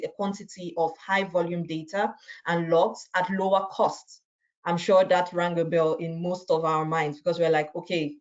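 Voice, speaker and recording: A woman with a fairly low voice speaks over a video call, walking viewers through a software demo. Her delivery is conversational and relaxed, and she keeps checking in with "right?". The call audio sounds dull and muffled. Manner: conversational, often tags sentences with "right?". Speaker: presenter. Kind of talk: webinar product walkthrough.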